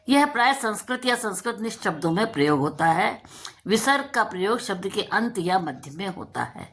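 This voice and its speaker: Her voice mid-range and a bit bright, a woman teaches children Hindi slowly and carefully. She stretches out the example words and asks questions only to answer them herself.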